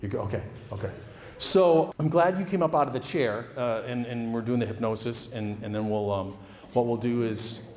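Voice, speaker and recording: A man working as a stage hypnotist and host, bantering off the cuff with volunteers in a halting way, often repeating phrases. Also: medium pitch, darkish tone. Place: indoor college stage show with audience. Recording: echoey hall PA with noisy background.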